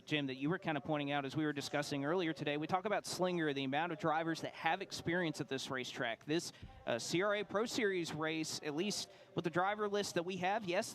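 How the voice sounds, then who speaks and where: A man with a slightly high voice commentates at a racetrack. He talks conversationally, explaining and analysing as a race broadcaster would.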